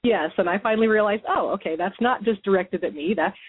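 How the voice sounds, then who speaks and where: A woman's voice: medium pitch, fast talker, crowd noise. A woman calling in to a radio show over the phone, nervous and emotional, laughing between her thoughts. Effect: caller's voice heard over a phone line. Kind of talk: casual call-in chat. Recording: dry tinny phone line.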